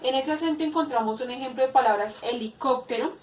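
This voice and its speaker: Woman teacher, fairly high voice, hesitant step-by-step explaining, roomy echo, off-mic. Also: darkish tone, slight background noise. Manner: explains slowly with many hesitations and repeats. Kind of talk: spoken grammar lesson. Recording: echoey room, far from mic.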